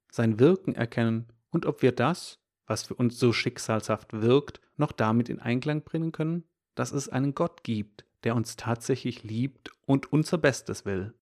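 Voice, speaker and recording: Male devotional speaker, calm scripted storytelling delivery, mid-range voice. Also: medium pitch.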